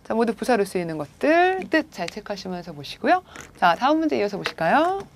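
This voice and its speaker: A woman's voice: mid-range voice, big pitch swings, brisk, a little hiss or hum. A woman teaching a recorded video lecture on vocabulary, guiding students with frequent prompts and rhetorical questions. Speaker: Japanese language teacher.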